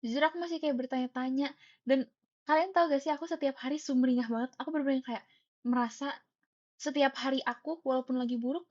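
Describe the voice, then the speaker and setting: A young woman casually telling a story to her livestream viewers, animated, acting out the dialogue and jumping to high squeals when excited. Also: fast. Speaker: idol livestream host. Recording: slightly dull lo-fi stream audio.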